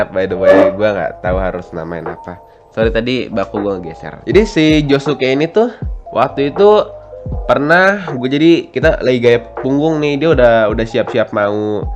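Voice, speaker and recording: A young man telling a personal story in a casual, rambling monologue, often correcting himself, his voice jumping up when he gets indignant. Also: mid-range voice. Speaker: storytelling vlogger.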